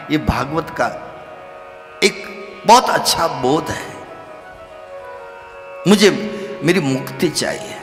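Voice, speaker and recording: A man delivers a devotional discourse in a bright, slightly high voice that swoops widely in pitch, at times swelling into loud calls. He speaks slowly and deliberately. The sound carries a long, roomy hall echo with faint music behind. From Rajasthan, India. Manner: animated, rising to loud exclamations. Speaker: religious storyteller.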